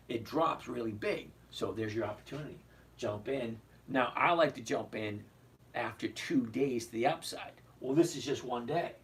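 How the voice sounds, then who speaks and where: On his laid-back market-commentary livestream, a medium-pitched man with a hoarse, cracking voice answers viewers and repeatedly checks in with "okay?". The mic is distant, with faint noise behind him.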